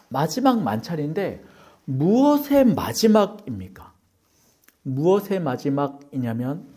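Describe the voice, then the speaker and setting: A male pastor delivers a Sunday sermon with a lively voice that swings up and down. His tone stays mellow and soft-edged. He keeps the congregation engaged with rhetorical questions and dramatic acted-out lines. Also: high voice.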